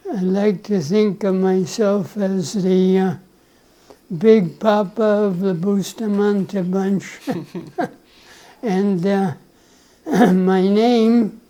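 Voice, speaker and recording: Being interviewed in a relaxed way about his life, a grandfather in his nineties, born in El Salvador and raised speaking Spanish, tells his story very slowly. His soft, mellow voice sits high, and he often clears his throat and chuckles now and then. Audio quality is poor.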